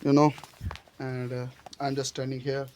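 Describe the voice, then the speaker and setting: A man's voice: mid-range voice, monotone, moderate pace, a little mellow. A young man with a Pakistani accent vlogging outdoors at his village farmhouse, speaking broken English full of filler sounds and laughing at himself. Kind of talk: casual vlog to camera.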